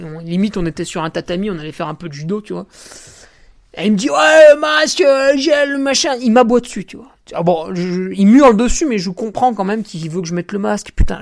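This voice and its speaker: A man's voice: high-pitched, darkish tone. Man ranting in a crude podcast monologue. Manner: indignant ranting, crude slang, addresses listener as "tu vois". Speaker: podcast host and trail runner.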